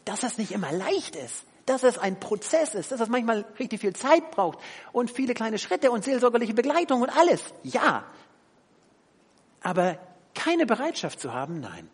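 A man delivers a sermon with a lively, wide-ranging pitch, rising to loud emphasis and dropping to quiet asides. His voice sits high and a little husky. It rings out in a hall with long reverb. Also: moderate pace. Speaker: preacher.

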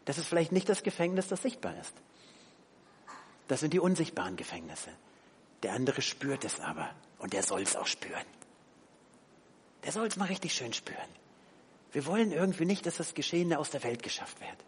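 Animated preacher in a reverberant hall. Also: male voice, fairly high pitch, moderate pace, long pauses, slight background noise. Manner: animated, swings between loud emphasis and quiet asides. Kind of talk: sermon.

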